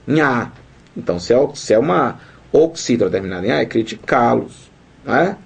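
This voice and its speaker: This man talks at a normal speed with a medium pitch, some vocal fry, and slight roughness. He runs a lively, playful video lesson on Portuguese grammar, chatting colloquially to the viewer and performing the questions students might ask.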